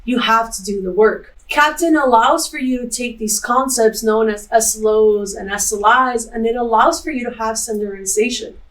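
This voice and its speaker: A woman's voice: on the high side, moderate pace, few pauses, distant mic. A young adult woman from Costa Rica giving a recorded tech conference talk in an upbeat, explanatory way. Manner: explanatory, upbeat, steady presenting. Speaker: conference speaker, chaos engineer. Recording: roomy, mic set back from the speaker.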